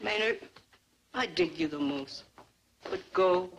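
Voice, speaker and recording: Exasperated, nagging shopkeeper, noisy old soundtrack. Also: male voice, sits high, slow pace. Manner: nagging, scolding, step-by-step reasoning. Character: exasperated male ice cream parlor owner, wryly scolding. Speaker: ice cream parlor owner. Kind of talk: 1950s-60s TV sitcom acting.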